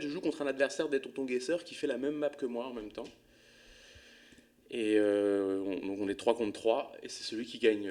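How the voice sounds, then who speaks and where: A man with a medium-pitched voice commentates live as he plays a geography game, muttering his thoughts aloud casually and swearing now and then.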